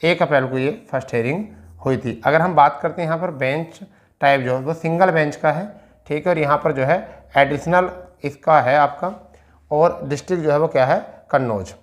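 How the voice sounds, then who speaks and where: Speaking at a normal speed in a voice on the high side, this man presents an educational video. He has an Indian accent and explains an on-screen document casually, mixing in English terms, repeating points, and posing and answering his own questions.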